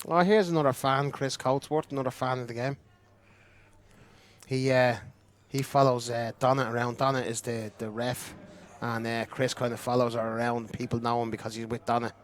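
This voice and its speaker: A man's voice: mid-range voice, flat delivery, normal speed. A middle-aged Irish man commentating on a pool match in casual chat, boastful and bantering. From Ireland.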